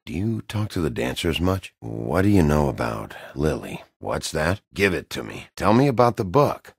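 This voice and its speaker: An actor playing a gruff, weary, hard-boiled wolf detective in a video game, with a gravelly, husky voice and a blunt, dry, brooding way of questioning. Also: male voice, very deep voice, no echo, full character voice. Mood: gruff, probing, then demanding, urgent.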